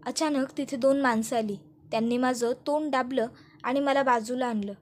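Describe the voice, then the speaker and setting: A woman's voice: high voice, steady tone, moderate pace, lightly acted. A woman voicing a frightened middle-aged mother recounting her kidnapping to her daughter. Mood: pleading. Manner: earnest, urgent recounting.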